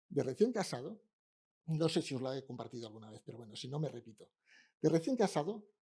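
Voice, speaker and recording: A man's voice: a little high, gravelly, mellow, slightly rough. A man preaching a sermon in a church, conversational and humorous, speaking directly to the congregation. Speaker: pastor preaching. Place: church in Barcelona.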